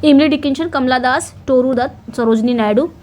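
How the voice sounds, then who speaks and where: High-voiced woman teaching exam prep. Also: darkish tone. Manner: explains in Hindi, reads English questions slowly; repeats herself, self-corrects.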